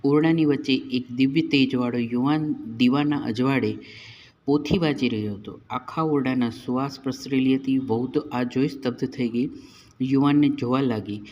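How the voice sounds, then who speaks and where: A man narrating a devotional folk tale in a calm, measured storytelling way. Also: medium pitch, lo-fi sound, a little hiss or hum.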